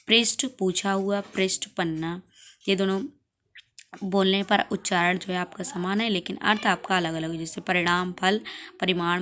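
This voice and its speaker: A woman school teacher giving a recorded grammar lesson, explaining slowly, repeating each term, asking rhetorical questions and mixing in English words. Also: medium pitch, fairly bright tone. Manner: mixes English words into Hindi. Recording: faint background noise and clicks.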